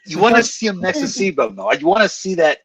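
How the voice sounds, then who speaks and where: A man's voice: high-pitched, big pitch swings, fast talker, fairly bright tone, slightly rough. A man co-hosting a casual chat, agreeing and chiming in with short comments. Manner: agreeable, chimes in. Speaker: co-host commentator. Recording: muffled, dry, distant from the mic.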